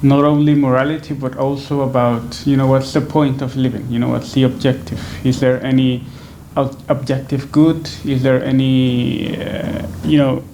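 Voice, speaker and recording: This twenty-something Venezuelan man has a dark, gravelly mid-range voice with little pitch movement, talking at normal speed with few pauses. Still, his interview answers are hesitant and considered, with plenty of fillers and restarts, given from a sofa in a small room at a stand microphone, over a little hiss or hum.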